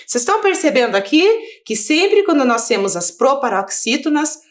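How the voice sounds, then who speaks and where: A woman's voice: sits high, sing-song, fairly quick. A woman teacher from Brazil giving a recorded video lesson for children, explaining step by step and often checking in with her pupils. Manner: patient, explaining step by step with frequent check-ins.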